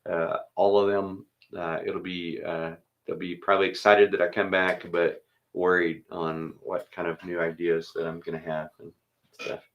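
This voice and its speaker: A man's voice: low voice, level tone, normal speed, muffled recording. A man who is a pastor, chatting casually and thinking aloud, then leading a spoken prayer. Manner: easygoing, thinks aloud, chuckles between thoughts.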